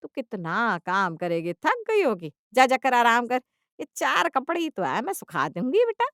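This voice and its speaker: A woman voicing a greedy, scheming older mother-in-law who coaxes sweetly and then bursts out loud, recorded dry. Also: on the high side, wildly swooping pitch, normal speed, no echo, voice pushed up, heavily acted. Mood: coaxing. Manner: sugary coaxing, with sudden loud outbursts.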